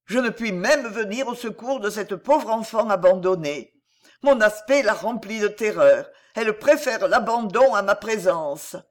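A woman voicing a gentle, sad young boy who looks like a bear, speaking softly and sadly. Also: mid-range voice, animated, unhurried, lightly acted. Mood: despairing. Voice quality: soft and sad.

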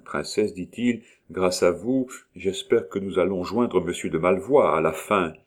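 A polite, measured doctor in a read-aloud novel, voiced by a male reader close to his own voice. The voice is low and steady. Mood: formal. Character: middle-aged male doctor, composed and formal.

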